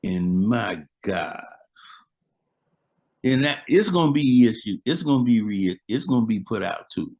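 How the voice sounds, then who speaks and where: An older man who is a musician guest tells old stories in easygoing, slangy conversation. His voice sits on the low side, a little mellow and a little slow, with lively intonation.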